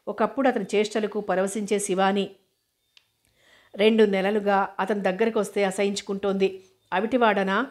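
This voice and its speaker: A woman reads a novel aloud at a middle pitch. Her delivery stays level, with little rise or fall. She keeps a steady narrating pace and sometimes restarts a word. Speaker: audiobook narrator. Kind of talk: novel reading.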